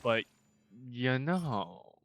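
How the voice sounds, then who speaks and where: Excitable male streamer pleading with the game. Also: mid-range voice, extremely slow, soft background music. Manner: talks to the game, swears, bursts into loud exclamations. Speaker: livestreamer. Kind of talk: casual gaming livestream commentary.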